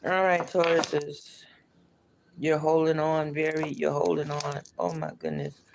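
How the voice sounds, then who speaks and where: Speaking at a measured pace in a deep voice, this tarot card reader, a middle-aged or older woman, chats casually on a livestream and repeats herself. Her articulation is toothless and a little slushy, and there's background noise.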